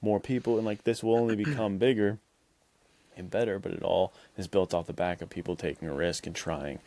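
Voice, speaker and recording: A podcast host chats casually, rambling and encouraging, and says "like" constantly. His low, mellow voice carries vocal fry, with no echo.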